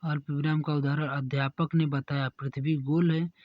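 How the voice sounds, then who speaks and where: A man who teaches, reading exam answers aloud in a steady dictation-like way and correcting himself now and then. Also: on the high side, normal speed, highs cut off, noisy background.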